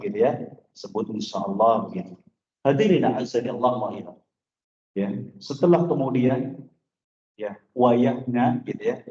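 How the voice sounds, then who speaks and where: A man's voice: medium pitch, mellow. A male preacher telling a story to his congregation in a loose, chatty sermon style, talking straight to his listeners. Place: mosque hall. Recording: echoey, dull mosque recording.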